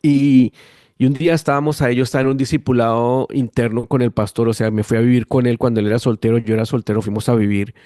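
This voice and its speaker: Colombian pastor telling a lively story. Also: male voice, medium pitch, fast, no room sound, studio quality. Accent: Colombian, Bogotá. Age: 50s. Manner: lively animated storytelling, acting out quoted voices. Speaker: guest pastor. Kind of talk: storytelling testimony.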